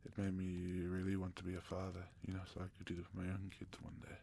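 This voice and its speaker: Low, flat-voiced soft-spoken man. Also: fast talker, creaky, a little hiss or hum. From South Africa. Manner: soft-spoken, gentle, partly whispered. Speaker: ASMR channel host.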